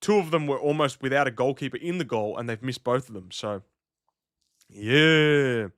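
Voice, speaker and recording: A man's voice: mid-range voice, lively intonation, fast talker, no echo, clean studio sound. Chatty man live-streaming a football match. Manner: chatty, loose, reacting to chat and soundboard clips. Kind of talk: casual live-stream chat and match commentary.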